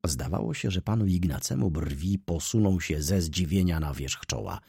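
A man narrating a classic novel as an audiobook, reading in an expressive, theatrical way. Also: deep voice, moderate pace, vocal fry, breathy edge, no echo, clean studio sound.

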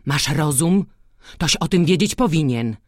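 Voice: mid-range voice, lively intonation, a little slow, dry recording, studio quality, natural voice. A reader voicing a stern older male village priest who lectures and admonishes, in an audiobook. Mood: scolding.

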